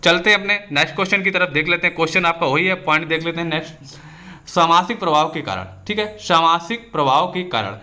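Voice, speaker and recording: A man's voice: on the high side, animated, quick pace, bright, forceful tone. A young man, teaching an exam-prep lesson and explaining each point with everyday examples.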